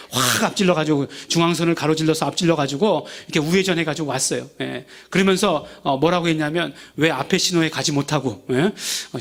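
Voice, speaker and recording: A male pastor preaching with a high, gravelly voice. He talks in an easy conversational way, keeps asking the congregation questions and checking "예?", and slips into playful quoted asides. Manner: acts out everyday grumbling in quoted asides. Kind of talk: sermon.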